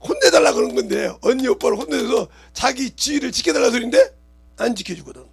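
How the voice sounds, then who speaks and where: Gravelly, husky-voiced man preaching a sermon. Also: very high-pitched, wildly swooping pitch, fairly quick. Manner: swings from loud shouting to quiet murmurs, asks the congregation questions. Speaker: pastor.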